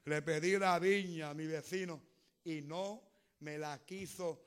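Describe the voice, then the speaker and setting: A man's voice: fairly high pitch, steady tone, measured pace, clean tone, close to an everyday voice. A man voicing a greedy, sulking king bargaining for a vineyard. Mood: pleading.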